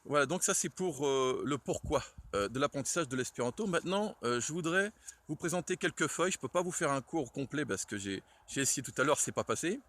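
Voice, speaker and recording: A man's voice: a little high, animated, fairly quick, a bit bright. A man giving a casual spoken lesson on a language's alphabet, hesitant, with many fillers and self-corrections, shivering a little in the cold. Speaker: Esperanto enthusiast presenting the alphabet. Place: outdoors in the cold.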